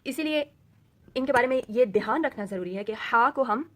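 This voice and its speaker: This animated woman teaches Quran reading in a recorded lesson, her voice sitting fairly high. Patient and unhurried, she mixes English words into her explanations and keeps repeating every letter sound for her students to copy.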